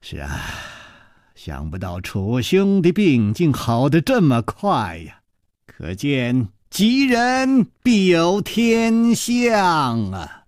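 A man's voice: fairly high pitch, huge pitch swings, slow pace, darkish tone, no echo, studio quality, full character voice. A man voicing an earnest young male swordsman who frets and draws out his words with sighs. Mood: worried.

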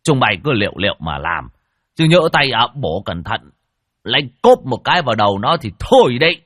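Male narrator as a blustery old village shaman; barking, commanding, lively. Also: fairly low pitch, moderate pace, husky, no echo, studio quality, exaggerated voice. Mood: bossy.

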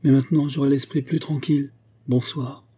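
A man's voice: medium pitch, flat delivery, normal speed, warm tone, breathy edge, voice pushed up, lightly acted. A man voicing a frail, sorrowful young singer. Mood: weary. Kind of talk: audiobook character voice.

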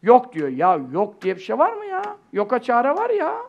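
An older man delivers an informal religious lecture in a high, gravelly voice. He rambles conversationally, breaking off into asides and putting rhetorical questions to his listeners. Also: wildly swooping pitch, moderate pace, dull audio. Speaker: preacher.

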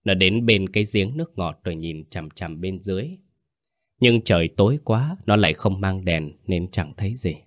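A man narrating a horror story in a calm, measured storytelling manner. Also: low-pitched, dry recording, clean studio sound.

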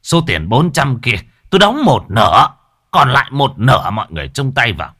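A man's voice: medium pitch, big pitch swings, fairly quick, sharp tone, slightly rough, voice pushed up, full character voice. A man voicing a deferential older village chief who speaks humbly and pleads. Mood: pleading.

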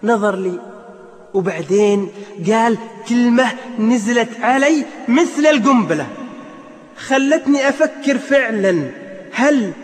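A man's voice: very high voice, animated, measured pace. A man telling a religious story in a dramatic, emotive way, his voice rising suddenly. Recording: long reverb.

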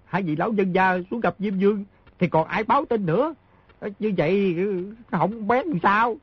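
A cunning street boy wails and sobs at a high, shrill pitch, as a man puts him on for an audiobook. His crying voice leaps up and down. The recording is dry and somewhat dull. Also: animated, normal speed, husky, no room sound. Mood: wailing. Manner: shrill, fake sobbing. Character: sly street boy, crafty, wailing fake tears. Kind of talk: audiobook character voice.

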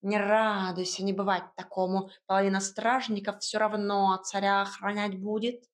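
A woman's voice: mid-range voice, level tone, normal speed, close to an everyday voice. Woman voicing a grumpy bossy male cat. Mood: scolding. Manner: gruff, scolding, drawling. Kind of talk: audiobook character voice.

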